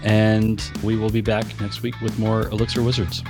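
A man hosting a podcast in casual chat, joking with a playfully deadpan delivery. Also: fairly low pitch, moderate pace, music in the background. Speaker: podcast host.

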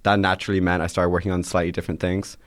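This deep, level-toned voice belongs to a twenty-something Irish startup CEO talking very fast as a podcast guest. His casual interview chat wanders, peppered with frequent "like" fillers, and it's captured dry at studio quality.

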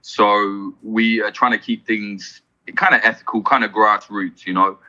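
A man's voice: lowish voice, fairly even intonation, sharp tone, dull audio. A man talking as a podcast guest, blunt and swearing freely in casual interview chat. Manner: blunt, swears freely, fast run-on explaining.

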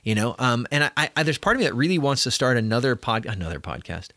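A man co-hosting a podcast, speaking earnestly and with emphasis as he strings point after point together. His voice sits at an average pitch and is recorded close and dry, with no room sound around it. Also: sing-song, quick pace, pushed and bright, no room sound. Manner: earnest, emphatic, talks in long run-on lists. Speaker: podcast co-host. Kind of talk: casual chat.

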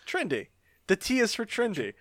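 A man in casual podcast chat, joking and narrating with quick asides. His voice is high and very lively in pitch. The sound is close and dry. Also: no room sound. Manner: joking, animated, does voices.

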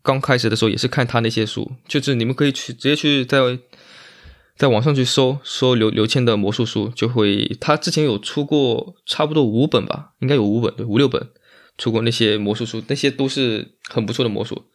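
Fast-talking man, casual interview guest. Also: medium pitch. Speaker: interview guest, magician and bar owner.

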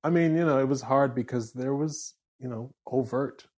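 A Canadian man in his forties with a fairly neutral accent, a musician talking in a relaxed interview, restarting phrases as he thinks. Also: mid-range voice, normal speed, slightly rough. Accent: fairly neutral Canadian English. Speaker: musician and voiceover artist guest. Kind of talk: casual interview chat.

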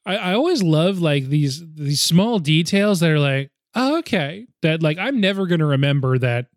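A man's voice: a little high, animated, a little slow, dry recording, clean studio sound. Wry man recapping a movie. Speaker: podcast co-host. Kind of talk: casual movie discussion.

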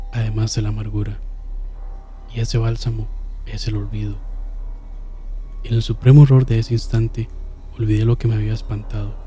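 A man narrating a horror story in a slow, solemn manner, dropping to a hush and swelling again. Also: fairly low pitch, slight background noise. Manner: slow, solemn, with hushed drops and sudden swells. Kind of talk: dramatic horror story reading.

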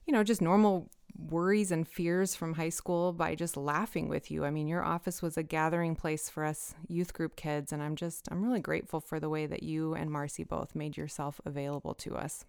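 A woman in her forties hosts a casual interview with a very smooth, resonant voice. She speaks warmly and gratefully to her guest. The recording is dry and close, with no room sound. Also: low voice, little pitch movement, normal speed, dry recording. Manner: warm, grateful, laughing often. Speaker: podcast host.

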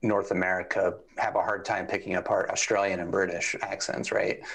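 A man appearing as a guest on a live stream, relaxed and chatty, often stammering and repeating words. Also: low voice, a little fast, vocal fry. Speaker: guest reviewer. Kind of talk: casual live-stream chat.

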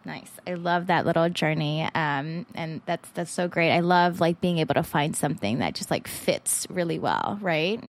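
A podcast host from the Philippines with a fairly low voice, chatting warmly with her guest. She talks in a loose, enthusiastic way, full of "like" and "um". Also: moderate pace, hardly any pauses. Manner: enthusiastic, filler-heavy with frequent "like" and "um". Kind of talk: casual interview chat.

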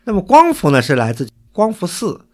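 A man's voice: sits high, huge pitch swings, a little fast, a little mellow. A man from Suzhou, co-hosting a casual chat and explaining place names and local history in detail. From Suzhou, China. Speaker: co-host.

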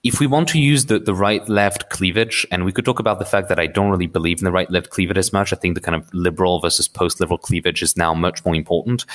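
A Moroccan political theorist, interviewed on a podcast, speaks in a deep, fairly bright voice. He's thoughtful, hedging often and frequently restarting his sentences.

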